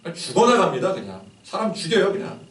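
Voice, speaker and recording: A man preaching a sermon in an animated, conversational style, with many fillers. His voice is fairly high and swings widely in pitch. It echoes through a roomy church hall, picked up from a distant mic. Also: fast, slight background noise. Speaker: pastor.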